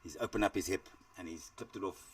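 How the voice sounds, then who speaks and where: Rambling and full of fillers, a middle-aged South African man gives live cricket commentary in a very low voice and talks fast. He's picked up from some distance away from the microphone. There is no echo.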